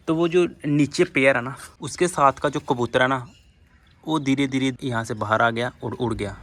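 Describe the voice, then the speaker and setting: His voice is medium-pitched with a fairly bright tone. A young vlogger who raises birds and rabbits, he chats with viewers like friends while feeding his pigeons and chicks in his backyard bird enclosure, an outdoor rooftop space.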